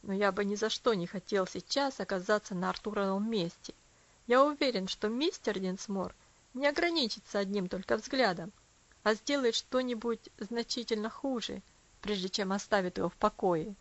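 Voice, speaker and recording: A woman voicing a serious boy who speaks slowly and deliberately in an audiobook story. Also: medium pitch, voice pushed down, natural voice. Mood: grave. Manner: slow, deliberate, thoughtful. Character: solemn serious-minded boy. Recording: dull lo-fi audio.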